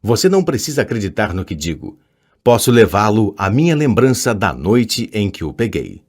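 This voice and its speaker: A man's voice: fairly low pitch, big pitch swings, moderate pace, a little mellow. Casting: man voicing a guarded teen schoolboy, polite and tense, audiobook reading. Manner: respectful, tense. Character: polite, nervous teenage boy student.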